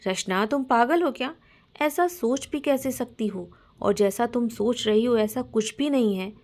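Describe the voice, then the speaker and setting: A woman's voice: on the high side, unhurried, a little mellow. A woman voicing a loyal young woman who earnestly defends herself to her friend. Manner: pleading, earnest.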